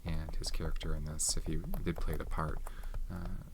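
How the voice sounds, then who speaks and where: An ASMR channel host, a soft-spoken man with a very deep, gravelly voice, chats about movies at a moderate, unhurried pace and with flat delivery. He often trails off searching for names and sometimes slips into a whisper. Background noise includes keyboard typing and tapping clicks.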